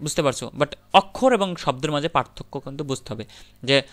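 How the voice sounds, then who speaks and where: A man's voice: on the high side, expressive, brisk, fairly bright tone. A man teaching English grammar, explaining step by step and answering his own questions to the students. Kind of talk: classroom lecture.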